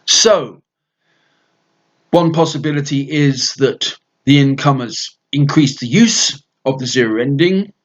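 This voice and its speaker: Slow, measured man giving a lecture. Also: mid-range voice, dull audio. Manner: measured, explanatory, pausing between short phrases. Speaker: lecturer explaining dialect history. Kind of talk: explanatory lecture to viewers.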